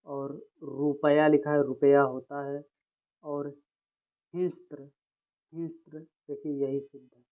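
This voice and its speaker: A man going through a spelling quiz as a teacher, reading out each option and casually calling his viewers friends. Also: a little high. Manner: informal, addresses viewers as friends; reads out options, then repeats the right spelling slowly. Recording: tinny phone-like sound.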